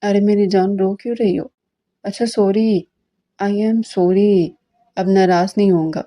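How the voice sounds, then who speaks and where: A woman's voice: medium pitch, fairly even intonation, warm tone, close to an everyday voice. A woman doing a teasing young husband. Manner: teasing, affectionate.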